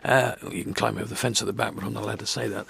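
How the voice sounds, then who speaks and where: A man's voice: on the low side, fairly even intonation, racing, creaky, a bit bright, breathy edge. A man hosting a live local radio show, chatting casually and joking with many fillers. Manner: jokey, rambling with fillers. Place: broadcast from a stadium room.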